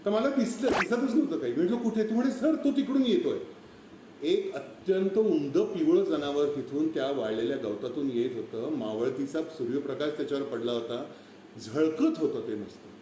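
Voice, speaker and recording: A man's voice: on the high side, animated, normal speed, mellow. A man from Maharashtra telling vivid wildlife stories on a live stream, acting out animal calls as he goes. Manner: vivid storyteller who imitates animal calls. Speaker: wildlife speaker. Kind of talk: storytelling talk on a live stream. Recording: echoey room, distant mic, faint noise.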